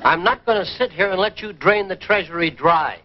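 Blustering, stubborn small-town American husband: swinging pitch, indignant, vintage radio comedy, muffled recording. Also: male voice, lively intonation, brisk. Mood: grumbling, objecting. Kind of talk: mid-century American radio comedy acting. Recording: dull, faintly noisy vintage radio recording.

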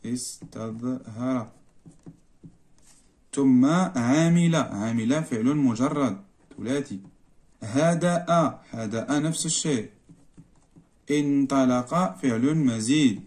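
A man with a Moroccan accent, teaching a grammar lesson and working through exercises step by step, often repeating single words slowly to stress them. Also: medium pitch, a little mellow. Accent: Moroccan Arabic. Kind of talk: classroom lesson walkthrough.

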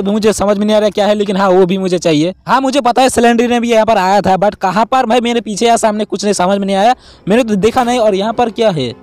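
A young man giving excitable gameplay commentary, talking straight to viewers with lots of exclamations. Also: very high-pitched, no room sound. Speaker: gaming YouTuber.

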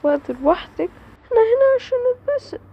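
Woman playing a cheerful pushy sister, very high. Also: big pitch swings, fast talker, muffled recording. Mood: insistent. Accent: Egyptian Arabic. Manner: bright, coaxing and insistent. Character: cheerful pushy sister who wants to party. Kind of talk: hobby audio drama. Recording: noisy home recording.

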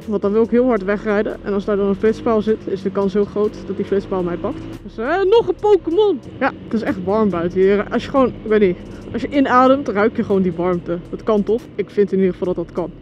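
A woman motovlogging while riding through city traffic, chatty and excitable, talking to her viewers. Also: mid-range voice, fast talker. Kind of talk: casual chat while riding. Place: outdoors in city traffic on a scooter. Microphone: helmet mic. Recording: dull lo-fi helmet audio with music. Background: music.

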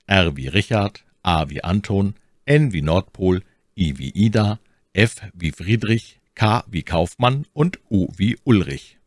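Deep voiced guy teacher spelling it out one item at a time, dry mic. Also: dry recording. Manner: spelling it out letter by letter with example words. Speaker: German language teacher. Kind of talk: scripted instructional narration.

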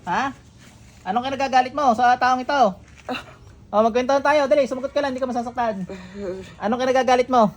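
A faith healer, sternly questioning a patient and murmuring ritual chants during a healing session at home. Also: male voice, very high voice, fairly even intonation, quick pace, long pauses.

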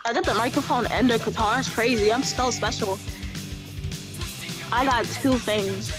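A woman's voice: on the high side, moderate pace, over music. A woman in a casual gaming chat, playful and bossy, cracking jokes with a friend while they play. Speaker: game player.

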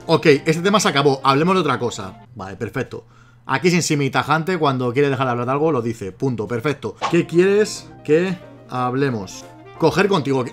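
A man's voice: medium pitch, a bit bright. A man with a Spain Spanish accent gives casual, chatty commentary as he chats with a bot. He giggles often and keeps breaking into laughter. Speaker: YouTuber.

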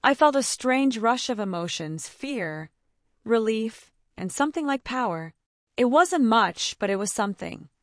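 A woman's voice: mid-range voice, no echo, clean studio sound. Woman narrating a tense first-person story.

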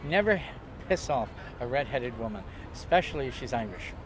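Out on a waterfront pier, an older interviewee spins casual stories in a medium-pitched voice with lively intonation and a normal speed. He jokes theatrically and chats away, breaking into loud laughter now and then, with street noise in the background.

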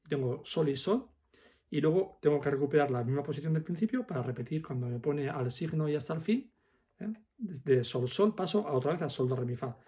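A man's voice: a little high, dark tone. A man teaching accordion step by step, patiently explaining fingering and counting the beats aloud. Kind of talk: step-by-step music lesson.

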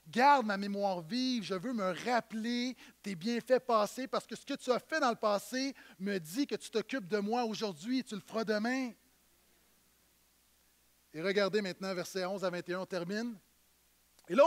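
A man preaching a sermon with a strikingly high voice. He talks to the congregation in a lively, conversational way and breaks off with quick asides. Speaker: pastor.

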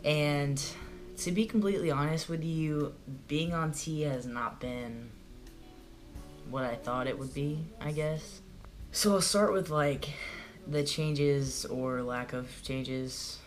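Faint music plays behind a young man filming a casual video diary indoors in his small bedroom, the camera right in front of him. His fairly high voice moves at a slow pace, cracking and going hoarse easily, while he rambles chattily with lots of "like."

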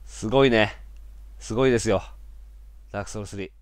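A man giving casual let's-play commentary, breaking from muttered asides into loud startled outbursts. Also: on the low side, fast talker, a little hiss or hum.

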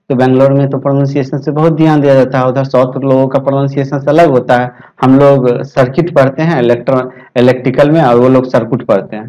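A young man in a casual, rambling talk to his viewers, tagging his sentences with quick checks that they follow. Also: mid-range voice, dark tone, highs cut off. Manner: chatty, rambling, many "theek hai" tags. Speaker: YouTube educator sharing exam interview experience. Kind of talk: casual talk to viewers over a screen recording.

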